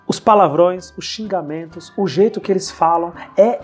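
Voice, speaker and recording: A man hosting a casual podcast conversation, telling anecdotes in a lively way. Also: high-pitched, normal speed, soft background music. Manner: storytelling, animated retelling of anecdotes. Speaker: podcast host. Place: lives in São Paulo.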